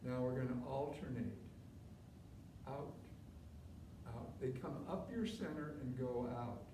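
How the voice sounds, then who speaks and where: Male tai chi instructor, informal and encouraging, short spaced cues, recorded off-mic with clear background noise. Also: medium pitch, a little slow, reverberant, far from the mic. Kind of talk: live movement instruction, step-by-step cues.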